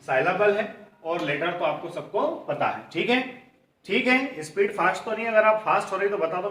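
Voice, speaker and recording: Indian guy teaching vocab, higher voice, quizzes the kids over and over, sounds a bit far off in an echoey room. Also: a bit bright, slight background noise. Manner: addresses students as children, drills answers by repeating questions; reads English definitions slowly and deliberately. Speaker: English vocabulary teacher for exam prep. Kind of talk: online coaching lesson. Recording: roomy echo, voice somewhat off-mic.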